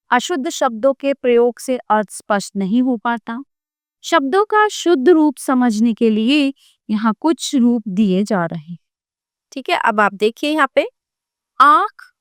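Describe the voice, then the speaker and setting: Woman, teacher, slightly high voice, dry close recording, repeats each word twice. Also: no room sound. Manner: addresses children warmly with set greetings. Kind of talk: classroom video lesson.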